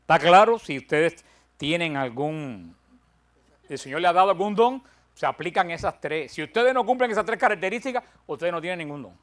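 A man's voice: on the high side, lively intonation, fairly quick, fairly bright tone. An older man teaching a Bible study, counting out his points with emphasis and telling self-deprecating stories with humor.

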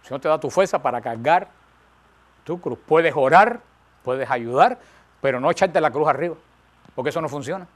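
A man's voice: on the high side, animated, normal speed, long pauses. A man preaching a sermon, emphatic, rising and falling, repeating phrases for stress.

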